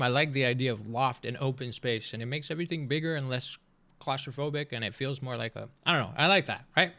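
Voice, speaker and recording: On a live stream, a man in his thirties rambles and jokes while reacting to a video. His mid-range voice swings between loud and soft as he chats casually.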